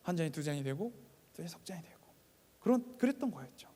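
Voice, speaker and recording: A man preaching a sermon in a church, telling a personal story, moving between quiet asides and raised appeals to the congregation. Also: fairly high pitch, very animated, fast, in a large hall.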